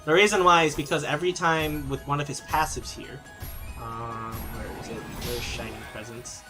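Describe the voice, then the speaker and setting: This game streamer speaks over music at a moderate pace, his medium-pitched voice fairly even in intonation. He replies to chat in a loose, rambling way, full of fillers and false starts.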